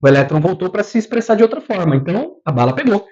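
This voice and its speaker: A man with a Brazilian Portuguese accent giving a spiritual lecture in an animated way, acting out scenes with sound effects. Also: high-pitched, quick pace. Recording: dull lo-fi recording.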